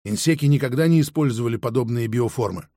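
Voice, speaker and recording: A man's voice: medium pitch, fast talker, mellow, no echo, clean studio sound, lightly acted. A man reading an arrogant male agent leader who barks curt orders in an audiobook. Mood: brusque.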